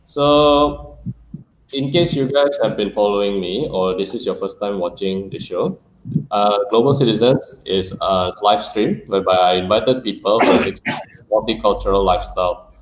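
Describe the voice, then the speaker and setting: A man's voice: lowish voice, moderate pace, echoey room, dull audio, a little hiss or hum. A man from Indonesia who hosts and introduces a live-stream interview show. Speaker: host.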